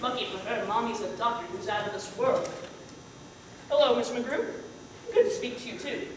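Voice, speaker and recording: A woman playing a flustered school principal in a stage play, speaking in brisk, declamatory rhymes. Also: a little high, a little hiss or hum, lightly acted. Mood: urgent. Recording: echoey hall from far off.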